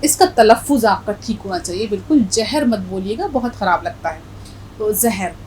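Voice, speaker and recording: A woman teaching Urdu letters slowly and clearly, while reading a story aloud. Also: medium pitch, lively intonation, darkish tone, slight background noise, poor audio. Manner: slow, clear, spells out letters deliberately. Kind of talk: language lesson with story reading.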